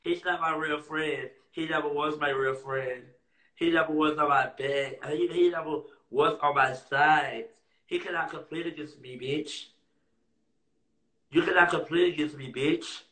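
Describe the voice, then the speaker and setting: A man rants on a livestream in a high, piercing voice, taunting and repeating himself as he goes. He talks into a phone, and the sound rings with room echo. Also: fairly even intonation, unhurried, pushed and bright. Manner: confrontational, taunting, repetitive. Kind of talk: heated livestream rant. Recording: roomy echo.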